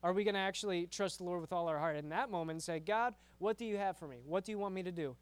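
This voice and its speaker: A man gives a casual youth sermon in a high, smooth voice. He talks conversationally, repeats words as he goes and keeps asking "right?" The sound is close and dry, with no room echo. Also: fast talker. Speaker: youth pastor.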